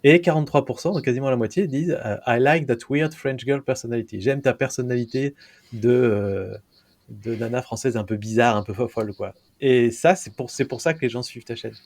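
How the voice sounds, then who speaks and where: A male podcast host talks through his ideas in a relaxed interview. He thinks aloud in an engaged, analytical way, pausing on fillers, with a mid-range pitch.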